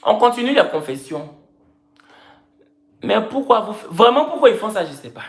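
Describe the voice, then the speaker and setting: A woman's voice: mid-range voice, big pitch swings, moderate pace. Teasing woman on a live stream. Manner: teasing, repeats phrases, playful jokes. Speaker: social media personality. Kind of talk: casual live stream chat. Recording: roomy echo.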